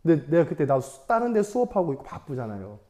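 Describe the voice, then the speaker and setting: Young male evangelist, relaxed talky sermon to kids; warm, mellow, animated delivery. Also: on the high side, fast. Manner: chatty, playful, laughs often; asks the audience questions. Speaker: evangelist preaching to children. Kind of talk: casual sermon with storytelling.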